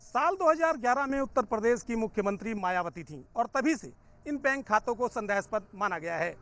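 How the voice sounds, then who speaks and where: A man with a very high, bright voice reads a scripted news voice-over. His pitch swings widely, and he presses hard on key words. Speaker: news reporter.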